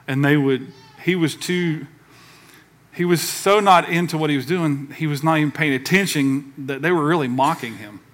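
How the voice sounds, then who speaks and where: A man preaching with a somewhat high voice, pressing each point hard and asking the congregation to answer back. He mixes firm sermon lines with loose, offhand asides. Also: normal speed, fairly bright tone. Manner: emphatic, calls for congregation response; conversational with casual asides. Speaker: pastor.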